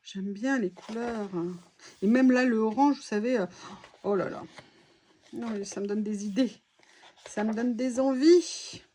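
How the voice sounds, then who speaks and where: A woman's voice: on the high side, unhurried, pauses often, dark tone. A woman vlogger chatting casually through a craft haul, exclaiming as she reacts to each item.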